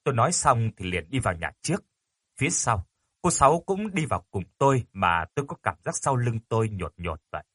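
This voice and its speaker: A man narrating a first-person ghost story in an expressive, dramatic way. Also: medium pitch, fairly quick, breathy edge, dry recording, clean studio sound.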